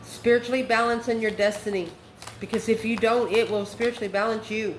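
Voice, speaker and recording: Speaking a little quickly in a high, steady voice, a woman hosts an informal tarot session for her channel. She's emphatic and folksy, and she addresses listeners with terms of endearment. A roomy echo and faint background noise are audible.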